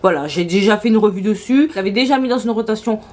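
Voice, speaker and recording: A woman's voice: medium pitch, fast talker, a little mellow. A woman vlogging casually about her makeup, gushing and exclamatory in a chatty way. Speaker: beauty vlogger.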